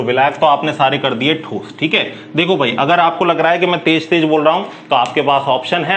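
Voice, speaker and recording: A man teaching a chemistry class, firing quick questions at students and answering them himself in a brisk, chatty way. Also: on the high side, a bit bright, slight background noise. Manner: calls listeners "bhai", brisk and chatty. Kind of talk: classroom lecture.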